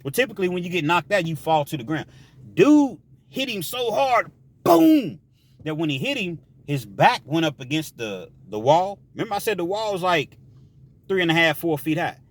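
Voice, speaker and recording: A man telling a story from prison life in a casual, emphatic way, with shouted sound effects. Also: fairly high pitch, expressive, a little fast.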